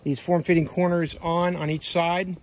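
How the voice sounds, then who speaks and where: With a fairly high pitch and moderate pace, this man walks viewers through a casual how-to in plain, easygoing terms. He's the channel host, working outside by a vehicle and filming on a handheld phone, and the audio carries a little hiss or hum.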